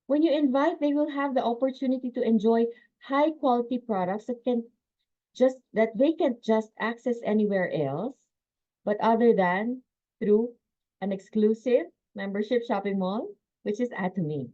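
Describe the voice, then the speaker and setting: A woman's voice: a little high, moderate pace, muffled recording. Emphatic woman lecturing over a video call. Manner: energetic, emphatic, laughs between points. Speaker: sales trainer. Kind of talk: online training lecture.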